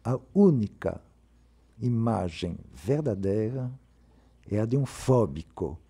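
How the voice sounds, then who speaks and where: An actor playing a grave man who pronounces solemn scripted film lines in a husky, gravelly voice. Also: fairly low pitch, expressive, takes it slowly, warm tone, exaggerated voice.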